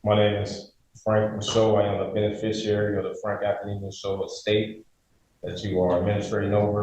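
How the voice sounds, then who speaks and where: A man speaking as a defendant at a court hearing, halting and full of filler sounds as he reaches for legal phrases, heard in a courtroom recording. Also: fairly low pitch, darkish tone, dull audio. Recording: echoey courtroom audio from a distant mic, faint hiss.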